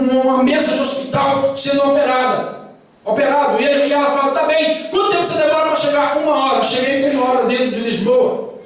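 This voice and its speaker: A man gives a sermon testimony in a church, telling his story dramatically and acting out the dialogue. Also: very high voice. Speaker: preacher giving testimony. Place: church hall. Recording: very echoey hall, voice far from mic.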